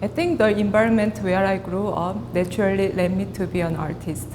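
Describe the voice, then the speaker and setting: Korean-accented woman in a reverberant hall. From South Korea. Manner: measured, with pauses and fillers. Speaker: artist. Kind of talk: prepared artist talk. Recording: reverberant hall with clear rumble.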